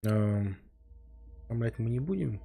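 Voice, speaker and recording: A man's voice: medium pitch, lively intonation, moderate pace, vocal fry, dark tone, slight background noise. A man giving casual, informal commentary as a game streamer, musing aloud as he plays. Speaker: live streamer playing a game.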